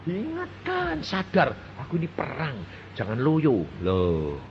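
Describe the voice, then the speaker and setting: An older man preaching a sermon, acting out dialogues and swinging between soft asides and loud exclamations. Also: mid-range voice, huge pitch swings, measured pace. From Indonesia. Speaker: evangelist preacher. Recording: dull lo-fi sermon recording with faint hiss.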